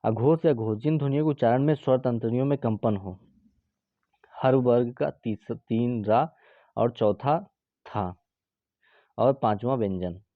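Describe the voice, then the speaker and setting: A man teaching an exam-prep Hindi grammar lesson, explaining step by step and slowly sounding out each letter with drawn-out vowels. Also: medium pitch, no echo, phone-quality sound. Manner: drawn-out demonstration sounds with frequent fillers.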